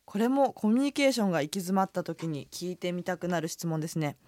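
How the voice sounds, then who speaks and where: A woman co-hosts a radio language lesson, modeling tones with a lively, swooping pitch. She walks through the pronunciation one sound at a time. The recording is dry and close. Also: fast, no echo. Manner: lively, demonstrative tone drills.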